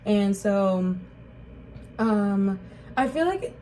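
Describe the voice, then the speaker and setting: This young woman, from Rockford, Illinois, USA, sounds animated and warm as she tells her life story in an interview, drawing out her words in a mid-range voice. Her casual recollection is hesitant and loaded with "um" and "like." The recording is low quality, with slight background noise.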